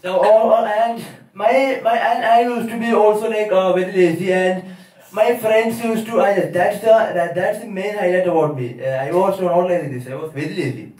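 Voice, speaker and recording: A high-voiced man speaks English with a Malayali accent from Kerala. He is a nervous amateur comic, rambling and doubling back on his words. He sounds distant from the microphone in an echoey room. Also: moderate pace, a little mellow. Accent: Malayali (Kerala) Indian English. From Kerala, India. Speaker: amateur stand-up comedian. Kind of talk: halting open-mic stand-up storytelling. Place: live open-mic venue, small audience. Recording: echoey room, far from mic.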